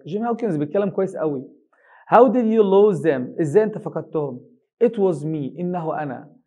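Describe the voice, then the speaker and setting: Man, Egyptian accent, English teacher, high voice, slow English reading, quick Arabic translation. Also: dark tone. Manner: reads English slowly and carefully, then translates briskly in colloquial Arabic. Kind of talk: reading an English reader aloud line by line and translating it.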